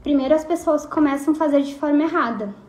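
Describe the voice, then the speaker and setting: Young woman, high voice, informal talk in an echoey room. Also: fast talker, a little mellow. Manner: chatty, frequent tag questions and fillers. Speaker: nutritionist. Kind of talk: casual explanatory talk.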